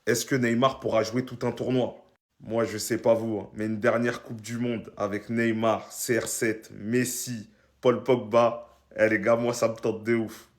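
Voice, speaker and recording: A man's voice: mid-range voice, level tone, measured pace. A man giving a casual football reaction, talking straight to his viewers and asking them questions. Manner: chatty, asks the viewers questions.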